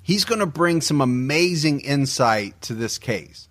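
A man co-hosting a podcast, reading a scripted true-crime narration in a measured, grave storytelling manner. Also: medium pitch, expressive, a bit bright. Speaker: podcast co-host.

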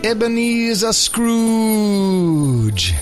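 A man voicing the stern, mournful ghost of a greedy businessman in an audio drama, with an unearthly voice and solemn, drawn-out delivery. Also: sits high, sing-song, faint music behind, heavily acted. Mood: ominous, solemn.

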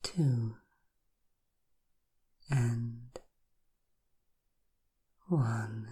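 Woman hypnotherapist for a guided session: very deep voice, dark tone, soft and half-whispered, with slow repeated suggestions. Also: breathy edge.

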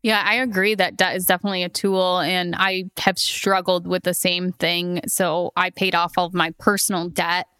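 A woman co-hosts a podcast in a relaxed, chatty way, often breaking into laughter and leaning on fillers. Her voice is bright and forward, and it sounds dry and close with little room sound. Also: on the low side, normal speed, few pauses, smooth, no room sound. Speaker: podcast co-host. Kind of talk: casual podcast chat.

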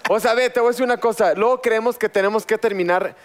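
A man's voice: high voice, fast talker. A man with a Mexican accent, co-hosting a casual comedy chat and telling anecdotes with acted-out dialogue. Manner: tells anecdotes, acting out the dialogue. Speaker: co-host.

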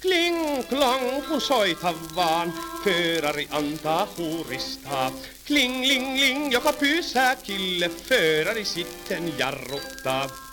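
A man's voice: high-pitched, sing-song. A man singing and playing a fussy old-time tram conductor who scolds passengers, on an old archive record with music. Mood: jaunty. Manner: sings, then scolds passengers in quick patter. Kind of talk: 1930s comic song with spoken patter.

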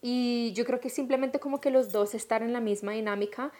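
A woman, a podcast guest who explains her views in a measured, reflective way in casual chat. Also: on the high side, fairly even intonation, dark tone.

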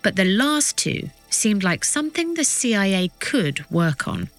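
A woman reading scripted documentary narration as a podcast narrator, with measured, suspenseful storytelling. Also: medium pitch, sing-song, soft background music.

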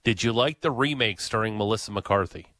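A man's voice: on the low side, brisk, a bit bright, no room sound. A man hosting sports talk radio, chatty and opinionated, with lots of "uh" fillers.

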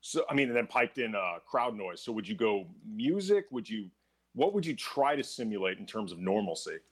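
A man's voice: on the low side, sing-song, a little fast, slightly rough. A man co-hosting a sports podcast, asking questions in a loose, conversational way. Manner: conversational, questioning, with small laughs. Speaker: podcast co-host.

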